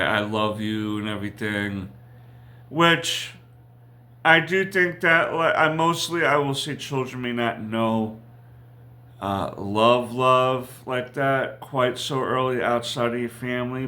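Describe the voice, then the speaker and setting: A man hosts a casual review of a TV episode, recapping slowly and rambling, with frequent fillers and self-corrections. His voice sits fairly low but sounds pushed and bright.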